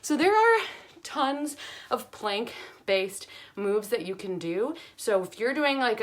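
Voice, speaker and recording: A woman's voice: mid-range voice, fairly bright tone. Young female fitness instructor, casual, filler-heavy, slightly winded mid-workout. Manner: chatty, many fillers, counts aloud while demonstrating. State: slightly out of breath while exercising. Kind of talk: casual exercise demonstration.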